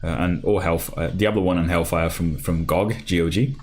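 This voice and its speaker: Soft music plays beneath a man's low, darkish, steady voice at normal speed. He's a Brazilian Portuguese speaker hosting a casual live coding stream, thinking aloud through each step with plenty of fillers and restarts while keys clatter in the background.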